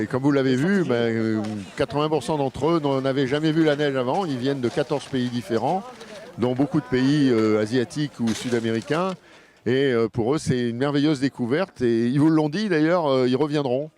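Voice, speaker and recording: A man who heads a district youth program, giving an interview statement outdoors with frequent hesitant pauses. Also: mid-range voice, darkish tone. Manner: hesitant, many filler pauses.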